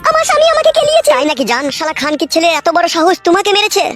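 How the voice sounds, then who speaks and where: A woman playing a rough young village husband in a comic skit, swearing and talking crudely. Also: very high-pitched, very animated, very fast, fairly bright tone, soft background music, voice pushed up, heavily acted. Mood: tender.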